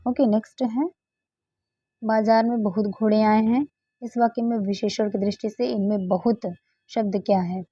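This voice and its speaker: Dark husky-voiced woman tutoring. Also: medium pitch, steady tone, normal speed, dry recording, muffled recording. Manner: explains patiently, repeats key answers; frequent "ठीक है" and "okay, next है" fillers. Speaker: exam tutor. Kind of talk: exam question walkthrough.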